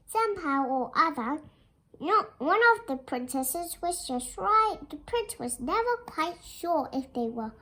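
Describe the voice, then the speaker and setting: A child reads a fairy tale aloud as a storybook narrator, careful and expressive in the telling. The voice sits high and moves unhurriedly.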